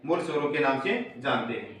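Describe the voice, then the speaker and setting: A man's voice: medium pitch, animated, brisk, fairly bright tone. A man teaching a classroom grammar lesson, asking questions and repeating the answers back. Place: classroom with students. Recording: very echoey room, voice far from mic.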